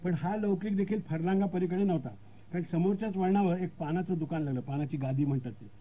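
A man's voice: high voice, fast. A man narrating a humorous story with wry comic commentary, on a dull lo-fi recording.

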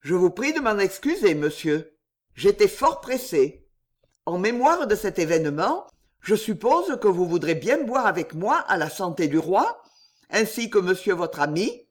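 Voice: mid-range voice, big pitch swings, a little slow. An audiobook reader voicing an anxious, courteous young nobleman who speaks earnestly. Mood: polite.

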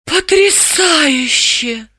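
A reader voicing a flustered, excitable young woman who exclaims in a high voice in an audiobook. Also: drawn-out words, dry recording, studio quality, exaggerated voice. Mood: awestruck. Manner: breathless exclaiming, high-pitched. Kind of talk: audiobook character voice.

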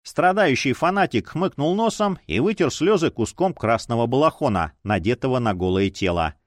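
A man narrating an audiobook in an expressive dramatic style. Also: mid-range voice, moderate pace, no room sound, studio quality. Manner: expressive, lively.

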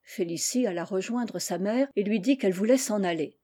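Mellow-voiced woman narrating a classic novel. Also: mid-range voice. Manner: measured, even storytelling. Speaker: audiobook reader.

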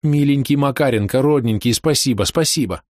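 A man voicing an excitable, passionate middle-aged woman who scolds and pleads with reproach. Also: mid-range voice, brisk, no echo, clean studio sound, pitched above the performer's own voice, close to an everyday voice. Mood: grateful.

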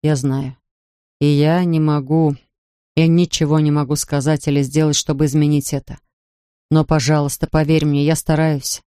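A narrator voicing a grieving father who talks softly, slowly and tenderly to his daughter. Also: level tone, smooth, no echo, studio quality, close to an everyday voice. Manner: soft, low and slow, pleading. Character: grieving gentle father, a big man. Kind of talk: audiobook character voice.

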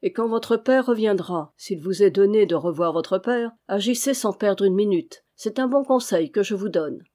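A woman voicing a cynical male valet and hired killer, smooth, insolent and coolly ironic, in an audiobook reading. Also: mid-range voice, moderate pace, dark tone, lightly acted. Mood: menacing.

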